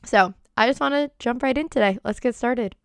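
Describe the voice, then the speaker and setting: A woman's voice: fairly high pitch, brisk, slight background noise. A young woman with a Boston accent hosting a podcast, talking casually in an informal, chatty, peppy manner. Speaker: podcast host. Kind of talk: casual solo podcast talk.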